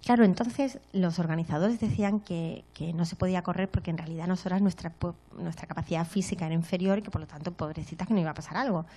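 A woman's voice: fairly low pitch, fast, hardly any pauses. A woman from giving a motivational talk to an audience, telling stories and often checking in with short tag questions. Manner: storytelling, frequent tag questions, lively acted-out moments.

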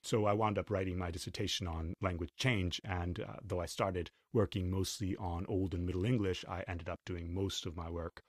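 A man from Chile talks through his research in an interview, thoughtful and academic. His voice sits very low. The recording is dry and close, with no room sound. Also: steady tone, normal speed, hardly any pauses, no echo. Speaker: linguist, interviewee. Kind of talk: explanatory interview answers.

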